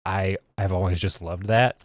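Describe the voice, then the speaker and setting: Man, very deep voice, easygoing podcast host, hesitant, dry close sound. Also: steady tone, normal speed, no room sound. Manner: easygoing, hesitant, many fillers. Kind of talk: casual chat.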